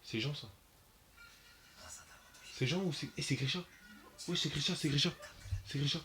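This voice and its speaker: A young man giving casual reaction commentary to his viewers, slangy and excitable, his voice jumping high and loud when he is shocked. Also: normal speed, a little hiss or hum. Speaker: anime reaction YouTuber.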